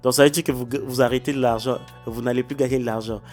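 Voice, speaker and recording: Un homme qui explique la monétisation des réseaux sociaux dans un tutoriel vidéo décontracté, avec beaucoup d'hésitations et de « ok ? » adressés au public. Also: male voice, mid-range voice, fairly even intonation, fast talker, darkish tone, faint music behind. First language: not English, stumbles on English words. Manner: hesitant, many fillers and restarts; addresses viewers directly, repeating "ok?". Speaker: YouTuber explaining social media monetization. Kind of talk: casual tutorial vlog with screen demo. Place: indoors, lives in China.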